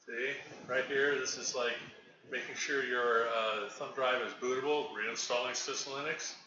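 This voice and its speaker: A man's voice: medium pitch, steady tone, measured pace. A man giving a live technical demo to a small group, explaining each step and often saying "okay". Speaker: presenter. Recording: echoey room, dull sound, faint noise.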